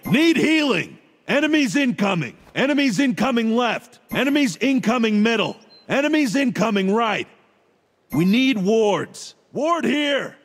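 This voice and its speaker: Chief Hopper, a husky, high-pitched police chief. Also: male voice, fairly bright tone, big-room sound, exaggerated voice. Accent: American. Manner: commanding, clipped callouts. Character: gruff, bossy middle-aged male small-town police chief. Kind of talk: video game character voice lines.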